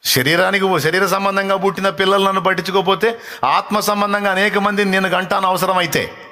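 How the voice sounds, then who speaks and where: A man's voice: high voice, steady tone, fairly quick, bright, forceful tone. A male preacher giving a fervent sermon, repeating lines for the congregation to echo and acting out taunting voices. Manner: acts out taunting voices and rebukes them.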